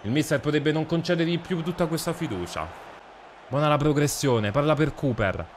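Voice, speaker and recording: A man's voice: a little high, normal speed, noisy background. A young man, a gaming streamer doing jokey mock football commentary over gameplay and mumbling asides.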